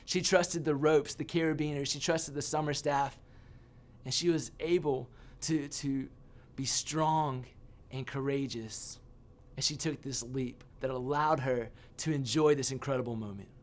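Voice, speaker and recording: A man giving a sermon as a youth pastor, telling a personal story with animated, self-mocking humor. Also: mid-range voice, a little slow.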